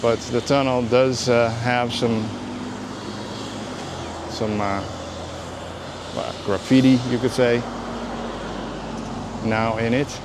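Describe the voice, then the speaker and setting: Man, casual walking vlogger, hesitant and meandering, clear outdoor traffic noise, mid-range voice. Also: medium pitch, steady tone, slow pace, long pauses. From Aruba. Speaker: vlog host. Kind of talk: casual walking vlog chat. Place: outdoors, walking along a road. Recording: noisy outdoor street with traffic. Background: clear outdoor street and vehicle noise.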